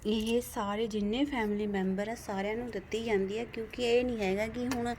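A middle-aged woman with a Punjabi accent talks to her viewers as she walks down the street, repeating herself in a chatty way. Her voice sits a little high, recorded outdoors on a handheld phone with clear street noise and passing cars behind her. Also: fairly even intonation, fairly quick, a little mellow. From India. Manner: chatty, repeats phrases, addresses viewers directly. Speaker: vlogger. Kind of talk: casual walking vlog.

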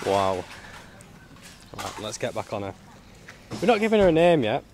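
A man's voice: fairly low pitch, big pitch swings, moderate pace. Chummy man, noisy outdoor vlog. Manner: chummy, colloquial, mild swearing. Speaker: travel vlogger. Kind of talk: casual chat to camera. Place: outdoors on rural roads and temple grounds. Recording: outdoor ambient and motorbike noise.

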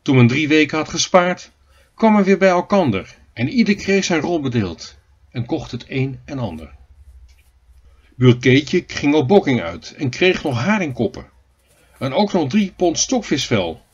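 A man reading aloud a rhymed storybook in a lively sing-song delivery. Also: on the high side, a little slow, slightly rough, dull audio. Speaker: audiobook reader.

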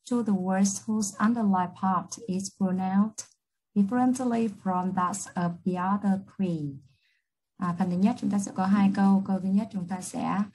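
A woman English teacher with a Vietnamese accent, reading test questions slowly and then explaining each answer quickly. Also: mid-range voice, steady tone, mellow, breathy edge, poor audio. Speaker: high school English teacher. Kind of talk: exam review lesson.

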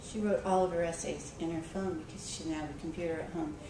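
This woman's low-pitched voice keeps a steady tone at a quick pace as she tells a story during a conversational conference talk. She's a school librarian, and her speech has frequent ums and restarts. The audio is from far off in an echoey conference room, with background noise.

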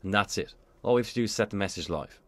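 A man's low voice guides listeners through a scripted software tutorial at a quick pace, with no room sound. Like a screencast presenter, he explains every step in a tidy, clear order.

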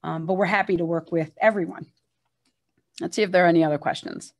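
A woman's voice: lowish voice, steady tone, fast talker. A woman agency executive wrapping up a webinar Q&A in a friendly, businesslike way, with frequent filler words, speaking from a room with a production crew. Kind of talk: casual presentation Q&A.

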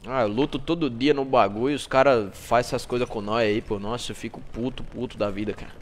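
A man's voice: mid-range voice, steady tone, fast talker, slight background noise. A man with a Brazilian Portuguese accent streaming a game live, trash-talking and greeting chat viewers.

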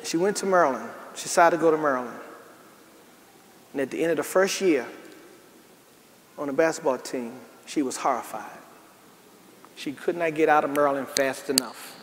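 In a large church sanctuary, a pastor with a slightly high voice preaches at normal speed with long pauses, folksy and calling out to the congregation before rising into emphatic bursts. The echoey hall carries faint noise.

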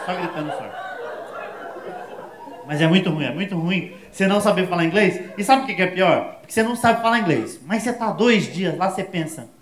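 A Brazilian man with a Brazilian accent doing a stand-up comedy set, animated and full of crude slang, shouting his punchlines. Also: high voice, fast talker, hardly any pauses, roomy sound, a faint crowd. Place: comedy show stage before an audience.

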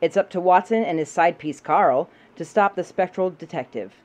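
A woman co-hosting a puppet comedy show in a deadpan manner. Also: on the low side, normal speed. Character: blue goblin puppet. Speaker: co-host.

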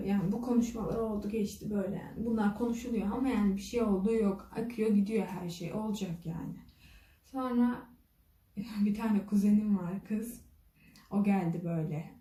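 A woman vlogger with a warm, mid-range voice casually tells a personal story, acting out the dialogue with constant "dedi" and "dedim" ("she said," "I said"). She sounds distant in an echoey room.

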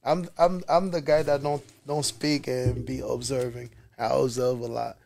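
Stammering gravelly-voiced man from Venezuela. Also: mid-range voice, little pitch movement, normal speed, a little mellow, slight background noise. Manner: stammering restarts, defensive when teased. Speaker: podcast guest, party promoter. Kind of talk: casual podcast chat. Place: small studio with red couches. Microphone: desk mic on boom arm.

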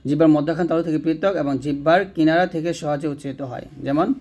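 In this spoken lesson on Quran letter pronunciation, the teacher goes step by step, demonstrating sounds, checking on students and fixing his own slips mid-sentence. He speaks fast, with a slightly high, slightly mellow voice and fairly even intonation.

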